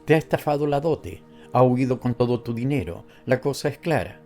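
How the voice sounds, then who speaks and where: A man reading the part of a thoughtful cousin, a government official, who questions calmly. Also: medium pitch, normal speed, soft background music, lightly acted. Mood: concerned. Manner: calm, reflective.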